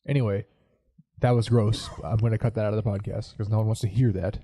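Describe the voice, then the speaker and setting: Recording in a home studio set up in a corner of his living room, a podcast host with a cold-congested, stuffed-up voice swaps casual chat and an anecdote. He talks quickly with a fairly low pitch and steady, warm tone, and the sound is clean with no room sound.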